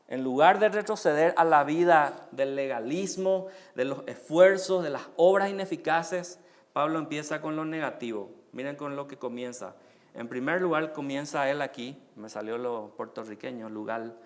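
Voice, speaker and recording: A pastor from Paraguay preaches a sermon in a mid-range voice with a Paraguayan Spanish accent. He poses rhetorical questions and grows loud on key phrases.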